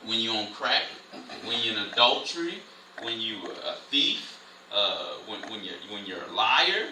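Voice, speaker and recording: A man leading an informal Bible study, preaching in a lively, conversational way. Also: lowish voice, measured pace. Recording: roomy, distant, faint noise.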